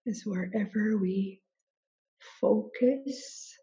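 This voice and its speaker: A spiritual teacher leads a meditation, her medium-pitched voice soft-edged and mellow. She speaks extremely slowly, with deliberate pauses between phrases, and the recording sounds dull and a little muffled.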